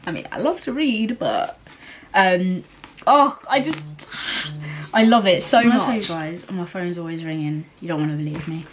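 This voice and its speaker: A woman's voice: on the low side, lively intonation, normal speed, a little hiss or hum. A young woman chatting casually about books as a vlogger, rambling along with lots of fillers and laughs. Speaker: book vlogger. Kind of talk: casual chat.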